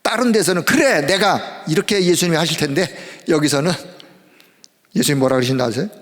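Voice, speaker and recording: A male pastor delivering a midweek sermon in animated, emphatic preaching, in a church sanctuary with a long reverb. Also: a little high, quick pace.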